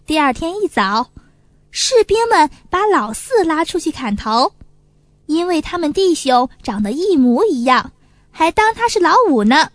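A woman reading a children's folk tale aloud, expressive and animated. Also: sits high, a little slow, no echo. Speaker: storyteller. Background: faint music.

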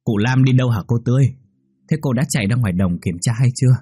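A man's voice: mid-range voice, fast talker, dark tone, slightly rough, no echo, clean studio sound, voice pushed up, lightly acted. A man voicing a concerned village neighbour asking questions. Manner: questioning, helpful.

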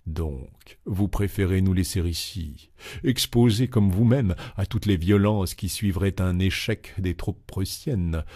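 A man voicing a grave aristocratic count who speaks slowly and condescendingly. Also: warm tone, full character voice. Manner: slow, low and patronizing. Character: grave aristocratic older count, smooth persuader.

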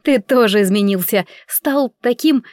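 A woman voicing a proud, mischievous young lady in her twenties, squeaking with indignation. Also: measured pace, a little mellow, no echo, clean studio sound, lightly acted. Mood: indignant. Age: 20s.

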